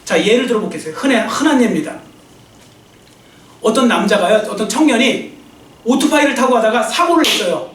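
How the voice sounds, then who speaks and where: A man's voice: very high-pitched, animated, fairly quick, long pauses, fairly bright tone, a little hiss or hum. A male pastor preaching an earnest, exhorting sermon and leading a prayer in a church. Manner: earnest, exhorting, leads call-and-response. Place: church sanctuary. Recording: echoey church sound from a distant mic.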